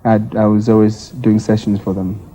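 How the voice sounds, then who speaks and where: A man from Ghana, a singer, chatting casually as an interview guest with relaxed, hesitant fillers. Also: on the low side, normal speed. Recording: dull lo-fi 1980s TV tape.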